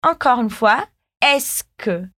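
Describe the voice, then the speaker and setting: A woman's voice: on the high side, expressive, takes it slowly, pushed and bright, dry recording, clean studio sound. A woman teaching French, patiently modeling phrases for listeners to repeat. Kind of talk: language lesson with repeat-after-me drills.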